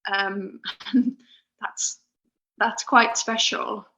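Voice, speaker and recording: A young woman from Finland, a podcast guest speaking casually over an internet call, pausing often with ums. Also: mid-range voice, fairly even intonation, gravelly, bright, forceful tone. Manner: hesitant, many ums and restarts. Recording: muffled internet call audio.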